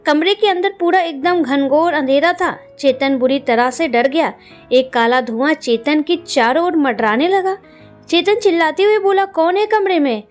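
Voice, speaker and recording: High-voiced woman narrating a spooky tale. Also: normal speed, soft background music. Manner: dramatic, suspenseful reading. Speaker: storyteller. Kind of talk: scripted story narration.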